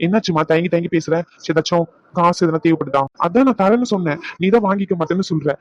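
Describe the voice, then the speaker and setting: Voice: medium pitch, fast talker, no room sound, dull audio, lightly acted. A performer voicing a stressed, irritable young husband in a dubbed cartoon, arguing in an exasperated way. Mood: defensive.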